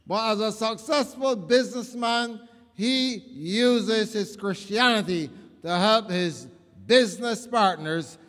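A man introduces the guest speaker at a church service in a formal, measured way. He speaks slowly, his voice pitched high for a man. The sound rings out with long reverb from the hall. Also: a bit bright. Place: church sanctuary.

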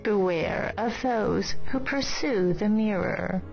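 A woman playing a gentle, courteous elderly shopkeeper grandmother in a video game, speaking politely and deliberately. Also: medium pitch. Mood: solemn, explaining. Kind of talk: scripted video game dialogue. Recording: dull, compressed game audio. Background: clear background music.

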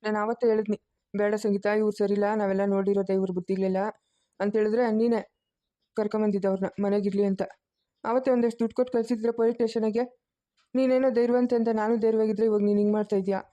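A woman's voice: medium pitch, level tone, very fast, warm tone, no echo, highs cut off, natural voice. A woman with a rural Chikkaballapur Kannada accent voicing a worried family member who coaxes and pleads in a cartoon family drama. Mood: pleading. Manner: pleading, coaxing.

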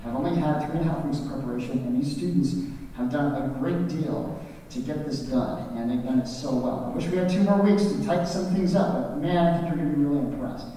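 A band director speaks to a concert crowd in a fairly high, friendly voice, proud of his students and not above a dry sarcastic aside. His words ring through a large, echoing school auditorium, picked up from a distance with a faint room hum behind. It sounds like an audience-facing announcement between pieces. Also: a little fast, warm tone. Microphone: distant mic. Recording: echoey auditorium from far off.

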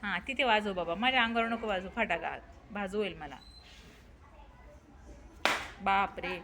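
A woman's voice: medium pitch, unhurried, fairly bright tone. A woman teacher talking cheerfully with schoolchildren, exclaiming and calling out their names. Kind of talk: lively classroom talk with children.

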